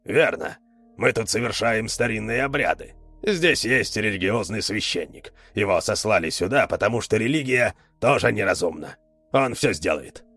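A burly, rough islander bellows his words in a boisterous, jovial way, his low voice swinging widely. A man acts him out in a storybook reading. The sound is dry and close. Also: animated, normal speed, fairly bright tone, no room sound, faint music behind, exaggerated voice. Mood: musing.

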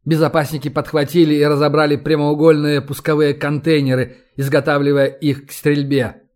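A man narrating an audiobook in a steady, measured reading voice. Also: on the high side.

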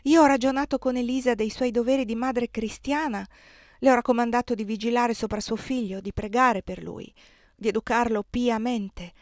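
A woman's voice: mid-range voice, brisk, darkish tone, dry recording, close to an everyday voice. A woman voicing a devout middle-aged plantation mistress, speaking with raised, impassioned, pleading force, in a dry recording.

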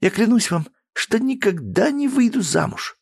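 A man's voice: high-pitched, wildly swooping pitch, moderate pace, breathy edge, no room sound, studio quality, pitched above the performer's own voice, exaggerated voice. A male narrator voicing a tearful, stubborn young woman who refuses to open her door. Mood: bitter. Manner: crying, shouting through a door.

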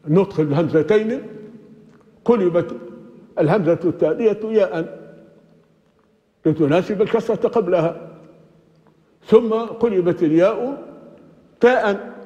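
Older sheikh lecturing in an echoing hall. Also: male voice, high voice, warm tone. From Libya. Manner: patient, repeats words while thinking, asks and answers his own questions. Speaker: sheikh teaching Quranic exegesis. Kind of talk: classroom lecture on grammar. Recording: dull lo-fi recording with long hall reverb.

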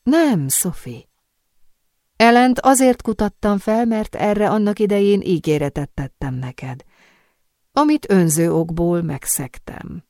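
A woman reading the part of a calm, self-satisfied Italian nobleman, speaking in a measured way. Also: medium pitch, no echo, clean studio sound, pitched above the performer's own voice, lightly acted. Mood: cool. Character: calm scheming Italian nobleman, middle-aged man.

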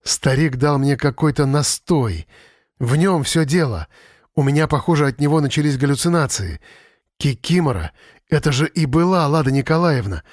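A man's voice: a little high, animated, moderate pace, no echo. A man voicing a dazed schoolboy hero, close to his own voice. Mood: dawning.

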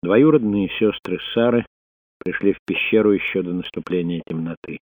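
A man narrating a thriller audiobook in a steady, even reading voice. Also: low-pitched, no room sound. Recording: dry, phone-like narrow sound.

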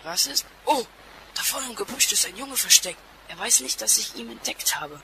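A brave teenage boy in a radio play, reporting over a walkie-talkie. His voice has a gravelly edge, and a clear hiss runs under it. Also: sits high, animated, moderate pace, bright, forceful tone, exaggerated voice, poor audio.

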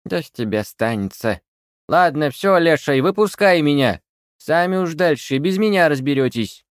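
A cranky old witch of the woods, put on by a male narrator, shrill and scolding. Her grumbling climbs high and loud. The recording is dry and close. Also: animated, moderate pace, no echo, close to an everyday voice.

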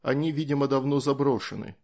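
A man voicing a calm, easygoing soldier in an audiobook, explaining things in a matter-of-fact way. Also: mid-range voice, brisk, vocal fry.

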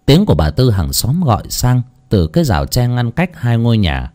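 A man narrating a story in a slow, gentle, lyrical way. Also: mid-range voice, huge pitch swings.

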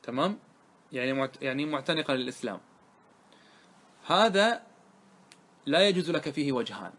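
A man's voice: on the high side, animated, a bit bright. Man teaching a grammar lesson. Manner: asks the students questions and answers them himself; slows down to quote the verse. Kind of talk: explaining a grammar poem line by line.

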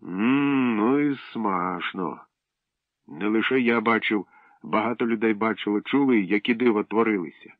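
A man's voice: on the low side, steady tone, a little fast, no room sound, natural voice. A man voicing a sullen, sly freckled boy who mumbles, in a storybook reading. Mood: munching. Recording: dry tinny phone-like sound.

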